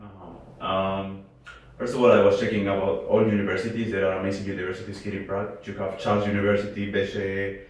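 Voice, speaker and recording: A young man from Ecuador talks in a relaxed, halting way, padding his answers with "like" and "uh". His voice sits a bit low. He sounds set back from the mic in a very echoey room. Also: recorded from a distance. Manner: relaxed, hesitant, many fillers and "like". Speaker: guest, international student. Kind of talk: casual interview answers.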